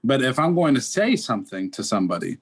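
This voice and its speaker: A man's voice: mid-range voice, big pitch swings, fast talker. A Dominican American man in a casual podcast discussion, explaining his views earnestly with statistics and many restarts. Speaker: podcast co-host.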